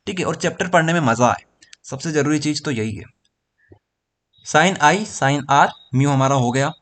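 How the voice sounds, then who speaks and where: A male physics teacher with a Hindi-speaking Indian accent giving a classroom lecture, slowly repeating each point and checking that students follow. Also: a little high, a bit bright. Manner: repetitive, explains each step slowly and checks understanding.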